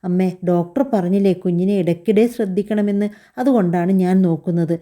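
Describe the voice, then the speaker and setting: A woman voicing a young new mother who speaks softly and with restraint but stays firm. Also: fairly low pitch, fairly even intonation, brisk, close to an everyday voice. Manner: soft, restrained.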